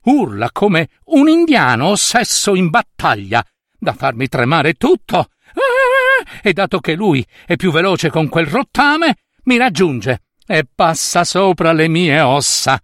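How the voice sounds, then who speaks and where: A man's voice: fairly high pitch, sing-song, a little slow, a bit bright, no room sound, clean studio sound, voice pushed up. A man voicing a touchy, sad old skeleton made of bird bones, whiny and complaining in a storybook. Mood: aggrieved.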